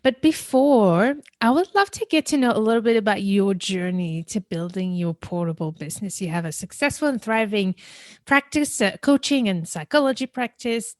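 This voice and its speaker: A woman's voice: mid-range voice, dry recording. A woman hosting a business podcast interview, upbeat and speaking straight to her listeners. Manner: upbeat, addresses listeners directly. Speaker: podcast host.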